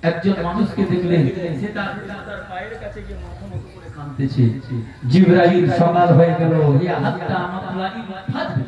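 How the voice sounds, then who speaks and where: A man with a very high voice preaches a waz sermon, reciting Arabic verses and slipping into a sung, melodic chant. He sounds distant, with heavy echo and a dull tone. A crowd is heard around him at a large religious gathering. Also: steady tone, normal speed, pauses often.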